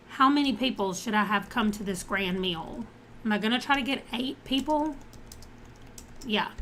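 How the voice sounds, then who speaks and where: A woman's voice: a little high, fairly bright tone, slight background noise. Chatty woman streamer thinking aloud. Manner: chatty, thinking aloud while reading options and viewer comments. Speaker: game streamer. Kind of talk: casual live-stream chat.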